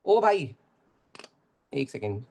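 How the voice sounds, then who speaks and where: A young male physics tutor gives a live online lecture in a medium-pitched, warm voice with vocal fry. He speaks slowly but very animatedly, staying casual and chatty, repeating phrases and coaxing his students along.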